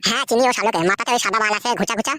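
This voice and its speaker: A woman's voice: a little high, very fast, voice pushed down, close to an everyday voice. A woman voicing a young village man in a comic cartoon, muttering his boastful plans to run off with a girl. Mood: scheming. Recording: noisy homemade recording.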